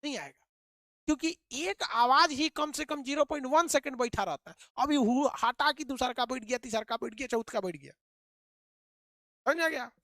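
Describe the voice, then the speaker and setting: A man teaching physics, talking rapidly, repeating points and quizzing his students. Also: very high voice, bright, forceful tone, no room sound, studio quality. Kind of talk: animated classroom lecture.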